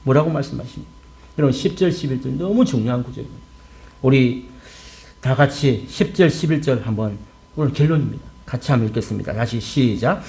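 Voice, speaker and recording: A man's voice: mid-range voice, a little fast, creaky, darkish tone. A male pastor preaching a sermon, asking the congregation questions and voicing God's words to the prophet.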